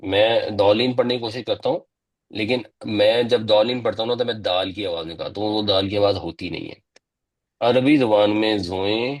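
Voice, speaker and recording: A man teaching a religious lesson, explaining things patiently and step by step. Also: fairly low pitch. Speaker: Quran teacher.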